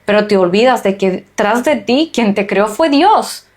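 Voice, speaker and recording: A woman's voice: medium pitch, expressive, measured pace. A woman hosting a spiritual podcast, speaking earnestly and urging listeners with emphatic repeated phrases. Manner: earnest, emphatic, repetitive exhortations. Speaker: podcast host and holistic nutritionist.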